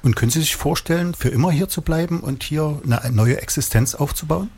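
Radio interviewer, man, mid pitch, gravelly fry, faint noise, gentle probing questions. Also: a little fast.

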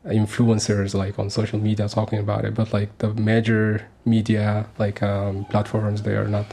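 A man's voice: on the low side, monotone, normal speed, vocal fry, warm tone, slight background noise. A man in his thirties from Sudan, speaking as a guest on a community radio interview, earnest and hesitant with many fillers and restarts. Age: 30s.

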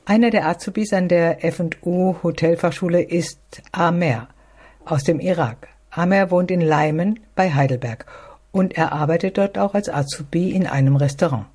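A radio presenter narrates a feature and calmly asks questions in an interview. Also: medium pitch, husky.

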